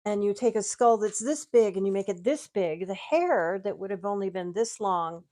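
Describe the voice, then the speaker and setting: A woman's voice: mid-range voice, lively intonation, moderate pace, mellow. Chatty woman showing off her collection. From United States. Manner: explains at length, laughs often. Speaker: guest, tiki mug collector. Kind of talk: casual chat, show-and-tell.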